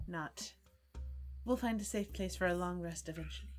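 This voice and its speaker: A woman's voice: fairly low pitch, moderate pace, soft background music. A woman playing a tabletop game, talking things through hesitantly with the group. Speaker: player. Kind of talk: casual tabletop play chat.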